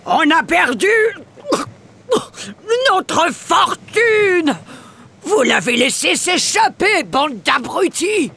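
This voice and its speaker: A furious, blustering pirate captain, acted by a woman reading a storybook. His voice is gravelly and sharp, and he drags out his insults slowly. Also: high-pitched, big pitch swings, voice pushed up, heavily acted. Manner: shouting, rough and gravelly. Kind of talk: storybook read-aloud.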